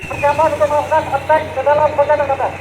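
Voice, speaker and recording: Guy reporting over a two-way radio like a field communicator, really high pitched, noisy echoey transmission. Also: little pitch movement, very fast. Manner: clipped radio protocol, calls "Kapten" at every turn. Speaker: firefighter team member in a drill.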